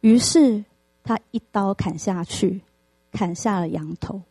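Woman preacher, lively storyteller, mellow voice, dry close mic. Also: medium pitch, a little slow, husky, no room sound. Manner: animated storytelling with frequent fillers. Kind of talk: sermon with storytelling.

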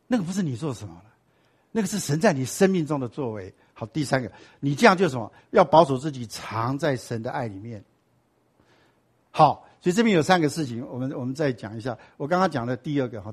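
A man's voice: a little high, breathy edge. A man teaching a sermon-style Bible class. He keeps asking the class rhetorical questions and drops in English and Hebrew words.

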